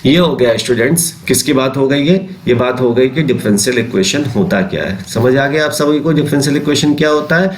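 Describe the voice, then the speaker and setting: A man's voice: medium pitch, a little hiss or hum. A man teaching a maths class, mixing Hindi with English terms and asking and answering his own questions. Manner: slows right down when reading out English definitions. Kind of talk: classroom lecture.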